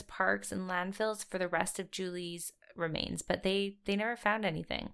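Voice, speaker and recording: Smooth-voiced chatty woman. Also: mid-range voice, fairly bright tone. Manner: chatty, storytelling, swears casually. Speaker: podcast co-host. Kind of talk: casual true-crime chat.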